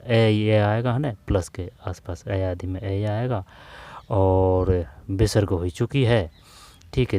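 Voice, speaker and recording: A man teaching an exam-prep grammar lesson, repeating terms slowly and often calling his viewers "brother". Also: fairly low pitch, mellow. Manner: repetitive, drawn-out explaining, addresses viewers as bhai.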